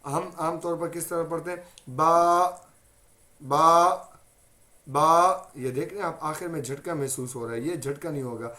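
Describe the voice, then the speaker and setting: A man's voice: on the high side, a little fast, hardly any pauses. Patient Urdu-accented male tajweed teacher. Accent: Pakistani Urdu. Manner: patient, repeats each point and demonstrates letters loudly. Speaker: Quran recitation teacher. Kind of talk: Quran recitation lesson.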